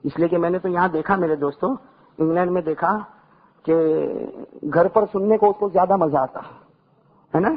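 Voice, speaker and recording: A male preacher with a high, husky voice addresses a mosque congregation in sermon style. He shifts between chanted recitation and easy, joking asides to his listeners. The recording sounds muffled and lo-fi. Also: fairly even intonation, long pauses. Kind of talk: sermon with humorous story. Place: mosque gathering. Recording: dull lo-fi recording.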